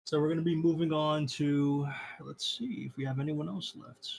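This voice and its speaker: Relaxed male moderator, faint background hum. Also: fairly high pitch, moderate pace, creaky, poor audio. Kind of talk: casual online moderating.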